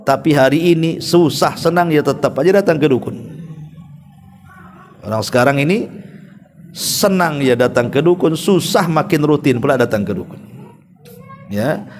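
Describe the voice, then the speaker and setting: Male preacher, slightly high voice, animated storyteller sermon. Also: moderate pace, long pauses, slight background noise. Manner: animated retelling with dramatic quoted speech. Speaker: Islamic preacher.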